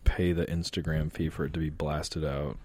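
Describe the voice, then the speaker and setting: A man from Illinois in his late twenties, a podcast guest telling laid-back stories with halting fillers. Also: a bass voice, level tone, darkish tone. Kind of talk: casual chat.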